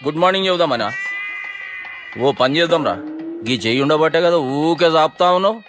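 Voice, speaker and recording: An actor playing a menacing gang boss with a slow, deep, threatening voice. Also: male voice, expressive, fairly bright tone, faint music behind.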